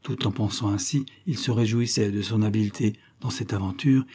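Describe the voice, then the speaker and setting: A man's voice: normal speed, slightly rough. A man reading a novella aloud as scripted narration, lifting his voice for quoted speech. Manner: reads calmly, lifting pitch for quoted speech. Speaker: audiobook reader.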